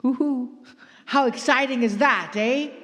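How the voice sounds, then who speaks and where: A woman's voice: high voice, unhurried, a bit bright, long reverb tail. A woman channeling a playful spirit collective. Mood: exuberant. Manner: playful, laughing, addresses crowd as dear ones. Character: group spirit channeled, playful, grandly affectionate. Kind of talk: channeled message to a live audience. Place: large room with audience.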